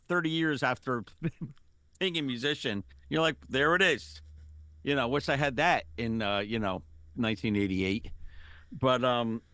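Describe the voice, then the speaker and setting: A middle-aged male musician, appearing as a guest, chats casually in an interview, using plenty of fillers and restarting sentences. He has a low singing voice with a fairly bright tone, recorded at studio quality with no echo.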